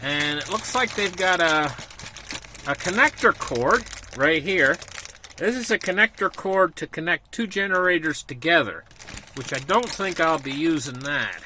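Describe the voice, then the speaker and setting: A man's voice: fairly high pitch, animated, unhurried, bright, forceful tone, slight background noise. A man giving a casual, unscripted product walkthrough from inside a small camper trailer, talking in a folksy way and often restating his points. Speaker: vlogger presenting a product unboxing.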